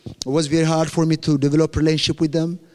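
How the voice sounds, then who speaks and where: A young Ethiopian man who grew up speaking Amharic gives a church testimony as a guest speaker, using plain, earnest English, correcting himself and joking about his accent. His voice is a little high for a man and a little mellow, his delivery is flat and quick, and a long reverb fills the large hall.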